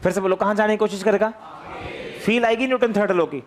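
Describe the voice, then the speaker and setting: A man's voice: sits high, fast. A man teaching physics to a class. He repeats key phrases, keeps asking his students questions and calls on them by name. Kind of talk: energetic classroom lecture.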